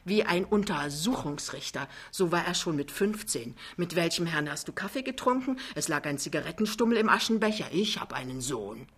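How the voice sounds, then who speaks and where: A woman's voice: lowish voice, expressive, a little fast, few pauses, a bit bright, slightly rough. A woman playing a brash, boastful older mother. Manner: triumphant, theatrical, airy. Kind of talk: audiobook reading.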